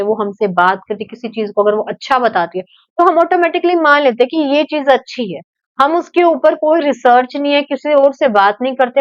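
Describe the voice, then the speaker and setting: A woman's voice: fairly high pitch, no room sound. A woman teaching an exam-prep lecture, explaining with everyday examples and rhetorical questions. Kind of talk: online lecture. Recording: dull lo-fi dry recording.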